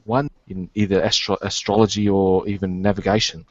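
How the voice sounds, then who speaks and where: A man on an online voice call whose audio keeps breaking up, speaking haltingly with many fillers. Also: low-pitched, level tone, darkish tone, no echo. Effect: audio breaking up over a bad internet connection. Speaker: guest on an online call-in stream. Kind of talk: casual online chat. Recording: dull lo-fi dry internet call.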